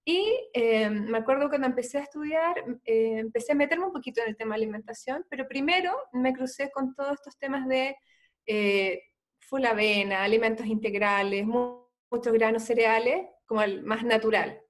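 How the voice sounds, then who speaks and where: With a fairly high voice at normal speed, a doctor from Chile tells her story as a guest. Her Chilean Spanish accent comes through, and she speaks earnestly and conversationally with plenty of "eh" fillers.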